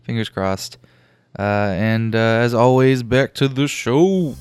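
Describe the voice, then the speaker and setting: A man's voice: mid-range voice, slow pace, smooth. A man giving a casual podcast announcement as co-host, heard in an echoey room. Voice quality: echoey big-room sound.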